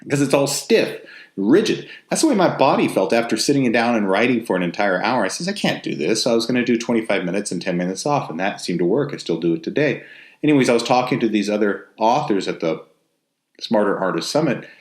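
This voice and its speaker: Low-voiced man with West Texas twang. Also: animated, fast talker. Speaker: novelist and host. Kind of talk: casual, rambling spoken monologue. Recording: roomy, echoey sound.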